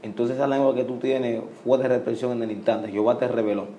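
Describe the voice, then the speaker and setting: A man's voice: medium pitch, little pitch movement, fast, warm tone, echoey room, slight background noise. A man hosting a religious interview who often breaks in with amazed exclamations. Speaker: interview host.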